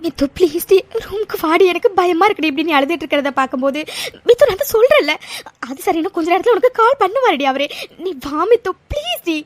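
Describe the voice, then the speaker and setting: A woman voicing a caring young woman friend in a cartoon, soft and coaxing. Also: very high-pitched, expressive, quick pace, no echo, pitched below the performer's own voice. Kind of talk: cartoon voice acting.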